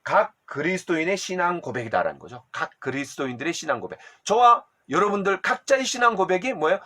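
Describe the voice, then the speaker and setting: A middle-aged man, a pastor, teaching a church discipleship class in an animated way, often asking the listeners questions. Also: high-pitched, quick pace.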